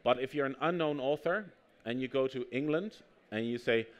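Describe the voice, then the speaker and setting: At medium pitch and normal speed, a Dutch-accented man tells stories as an author and anthropologist guest in a conversational stage interview. He's lively and anecdotal, acting out the quotes, and Dutch is his native language.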